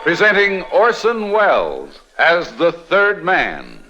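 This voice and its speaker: Animated male announcer over loud music. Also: on the high side, slow pace. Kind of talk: 1950s radio announcing, scripted. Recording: dull old radio recording. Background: loud zither music.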